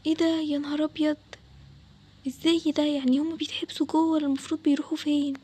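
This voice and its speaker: Speaking in a high, warm, even voice that is lightly acted, an Egyptian-accented woman voices a scared, worried young girl for an animated game video's story. The character is cautious and begs in a quick, anxious way.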